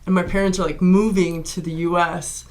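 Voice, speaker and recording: A woman's voice: lowish voice, flat delivery, fairly quick, a little mellow, a little hiss or hum. Upbeat chatty woman guest. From Hungary. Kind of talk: casual interview talk.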